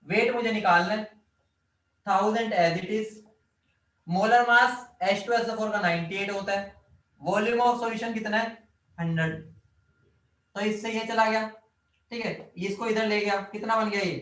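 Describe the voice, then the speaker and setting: A high-voiced man lectures on chemistry, firing questions at his class and joking as he works through formulas. He sounds set back from the mic, and the room rings with echo. His delivery stays a classroom lecture throughout. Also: a little slow, pauses often, fairly bright tone. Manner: drills formulas, quizzes students, jokes. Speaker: chemistry teacher. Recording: echoey room, mic at a distance.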